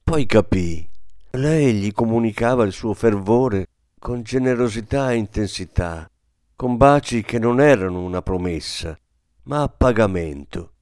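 Smooth-voiced male audiobook narrator. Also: on the low side, lively intonation, darkish tone, dry recording, studio quality. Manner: measured, literary reading. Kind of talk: scripted narration.

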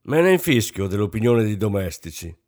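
A man reading an audiobook, voicing a blunt, self-satisfied middle-aged businessman who talks gruffly and offhandedly. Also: fairly low pitch, big pitch swings, brisk, a little mellow, dry recording, studio quality. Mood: offhand. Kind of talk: audiobook character voice.

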